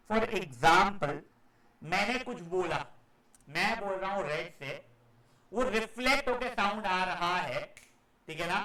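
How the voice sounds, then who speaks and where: A male teacher giving a live classroom lecture, acting out echoes for his students, calling them "beta" and now and then scolding them loudly. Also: sits high. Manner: demonstrative, acts out echoes and calls students "beta".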